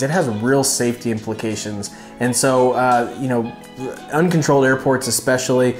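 A man in his thirties, a flight instructor and video host, speaks at a medium pitch with a darkish tone. He gives an informal, emphatic instructional talk to camera on a lapel mic, in a small furnished living room that sounds echoey.

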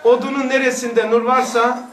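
A man's voice: very high-pitched, flat delivery, moderate pace, a bit bright, reverberant, recorded from a distance, slight background noise. A man teaching a religious lesson, exhorting his listeners and asking them rhetorical questions.

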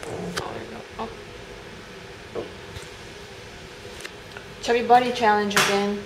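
A woman's voice: mid-range voice, takes it slowly. A woman in her twenties chatting casually and playfully behind the camera of a home video, often giggly. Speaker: camera operator and commentator. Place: living room, indoors. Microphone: handheld camera, behind it. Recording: faintly noisy home video.

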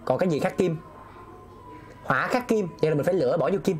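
A man's voice: fairly high pitch, animated, fast talker, music in the background. Man muttering through puzzles. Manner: talks himself through puzzles, repeating phrases aloud and reading chat. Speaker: game streamer. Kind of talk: live gameplay commentary.

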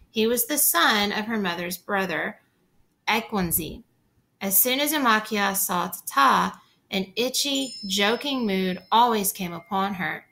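Bright-voiced woman reading a story aloud. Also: mid-range voice, creaky. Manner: stops to explain the story in plain chat. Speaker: reader. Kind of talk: reading a book aloud with commentary.

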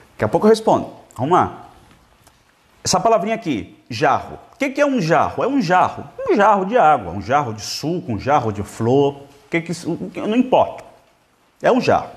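A man teaching Spanish on a phone live stream. His voice moves up and down with lively emphasis. He explains patiently and draws out single words so the listener can hear how they are pronounced. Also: on the high side. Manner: explains slowly, stretches words to show pronunciation. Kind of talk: live-streamed language lesson.

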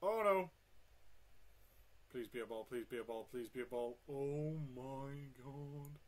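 A man's voice: mid-range voice, measured pace. A young man commentating his own gameplay, swearing and talking to himself, with sudden yelps. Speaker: gamer. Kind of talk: let's play commentary.

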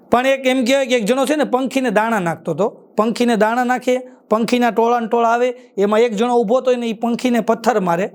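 A man with a Kathiyawadi Gujarati accent telling jokes on stage at a live show, moving briskly from punchline to punchline with a recurring catchphrase. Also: very high voice, slight background noise. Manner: quick punchlines, ends each joke with a catchphrase. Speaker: stand-up comedian.

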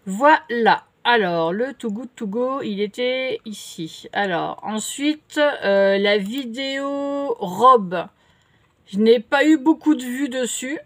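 At home, a middle-aged woman chats casually while answering her viewers' comments. Her voice is on the high side and animated, her pace slow, and she rambles with many fillers and restarts.

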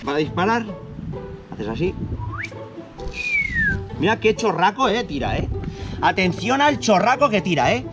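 Animated man from Spain with a Spanish accent, music behind. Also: high voice, low-quality recording. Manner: animated, drawn-out exclamations, playful. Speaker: host dad presenting toys with his kids. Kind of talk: playful toy unboxing and demo for children. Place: outdoors in a park.

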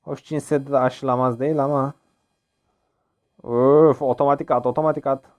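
A man's voice: mid-range voice, moderate pace. A young man giving casual, jokey commentary while playing a mobile game, often yelping and laughing. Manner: excitable, jokey, yelps and laughs during play. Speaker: gaming channel host.

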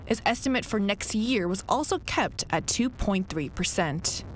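Woman reporter, steady deliberate news read, faint hiss behind. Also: mid-range voice. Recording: faint background noise.

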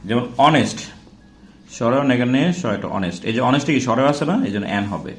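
A man's voice: mid-range voice, expressive, quick pace, roomy sound, faint music behind. A man teaching an English grammar lesson in a casual classroom style, repeating example words and checking in with rhetorical questions.

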